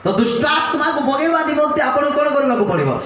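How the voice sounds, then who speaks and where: Man, pastor, call-and-response sermon, high voice, faint background hiss. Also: animated, brisk, distant mic. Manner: call-and-response preaching, urging the crowd to shout. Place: church hall. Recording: echoey hall, mic from afar.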